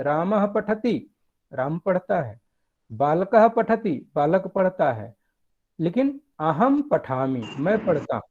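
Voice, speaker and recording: A man giving a lecture, explaining step by step with animated emphasis. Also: sits high, dull audio. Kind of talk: academic lecture.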